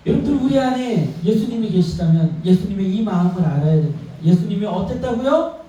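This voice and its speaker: A man's voice: high-pitched, lively intonation, brisk, warm tone. Male pastor in his thirties, emphatic repetitive sermon delivery, recorded far away in a very echoey hall. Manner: emphatic, repeats phrases, asks and answers own questions. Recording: roomy church sound from far off, faint noise.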